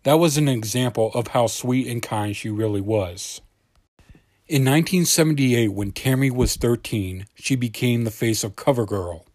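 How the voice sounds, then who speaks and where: A man with a mid-pitched voice reads scripted true crime narration as a podcast host. He has the suspenseful delivery of a crime show narrator. The sound is close and dry, with very little room in it. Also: normal speed, darkish tone, no room sound.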